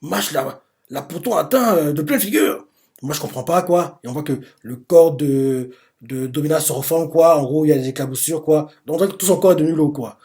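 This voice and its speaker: A young man talks his way through a manga chapter live, describing panel after panel. He hesitates often and fills the gaps with filler words. His voice sits somewhat high for a man. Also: quick pace, mellow. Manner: hesitant, many fillers, retelling each panel. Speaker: manga reaction host.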